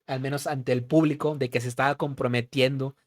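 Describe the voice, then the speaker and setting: A man's voice: mid-range voice, flat delivery, fairly quick, no echo. A young man with a Mexican accent, co-hosting a casual political chat and dropping "güey" constantly. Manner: slangy, peppers talk with "güey". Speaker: podcast co-host.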